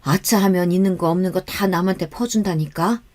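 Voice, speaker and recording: A kind, worried older mother-in-law, as a woman narrator puts her on gives earnest, pleading advice. Her voice stays close to the reader's own, even and unhurried. It is a storybook telling. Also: on the low side, no echo, natural voice.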